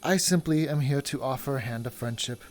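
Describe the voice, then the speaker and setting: A man's voice: mid-range voice, brisk, a little hiss or hum, natural voice. A man playing a humble wandering traveler who wants freedom, speaking in earnest, formal phrases. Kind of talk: in-character roleplay.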